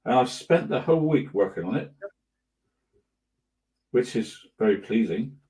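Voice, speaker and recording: A man's voice: medium pitch, expressive, unhurried, mellow. A man talking casually to his followers on a livestream in a rambling, pleased-with-himself way.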